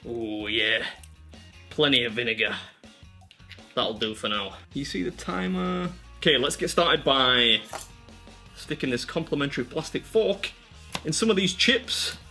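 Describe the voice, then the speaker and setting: A man's voice: medium pitch, expressive, a little slow, vocal fry, pauses often, pushed and bright, soft background music. An English man hosting a food challenge video in a chatty, self-mocking style with wry asides. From England. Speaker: competitive eating video host. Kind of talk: casual vlog narration.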